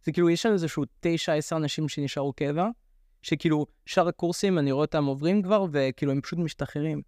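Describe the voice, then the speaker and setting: A young man chats casually with a French accent, as a guest would on a podcast. His voice is on the higher side and very smooth, recorded close and dry. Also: a little mellow, no echo. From French immigrant raised in Netanya, Israel. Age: young adult. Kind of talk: casual chat.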